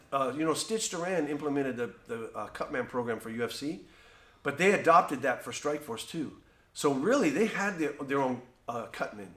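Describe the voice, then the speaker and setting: Animated man telling stories, echoey room. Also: a little high. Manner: animated, acts out quoted exchanges. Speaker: cutman and trainer. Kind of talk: conversational interview storytelling.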